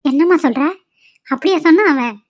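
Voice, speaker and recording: A woman's voice: sits high, lively intonation, a little fast, no echo, clean studio sound. A woman voicing a soothing mother-in-law. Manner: soothing, consoling. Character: caring middle-aged mother-in-law.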